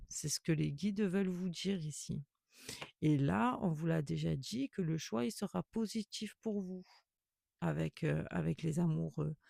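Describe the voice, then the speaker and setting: A man reads tarot cards for an unseen viewer, talking in a reassuring, repetitive way full of hesitations and restarts. His voice sits a little high for a man yet sounds dark and heavily gravelly. The recording is dry and close. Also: no room sound. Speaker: tarot reader. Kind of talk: tarot reading addressed to a viewer.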